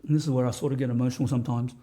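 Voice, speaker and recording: A man with a very mellow, dark voice and a husky edge talks as a guest on a podcast. He is earnest and halting, often restarting his sentences as he thinks aloud. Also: medium pitch, fairly even intonation. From Australia. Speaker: podcast guest, business owner. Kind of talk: candid interview talk.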